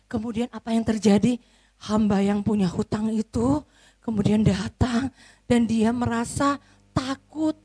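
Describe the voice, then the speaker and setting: A woman's voice: a little high, unhurried, slightly rough, dry recording. A woman teaching Sunday school, telling a bible story to children and asking them questions. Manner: lively, asks the children questions.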